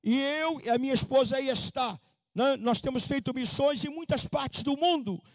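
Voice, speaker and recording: A man in his seventies from Minas Gerais, a missionary pastor preaching a sermon, reading scripture slowly and preaching with fervent emphasis. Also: very high voice, no echo. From Minas Gerais, Brazil. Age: 70s.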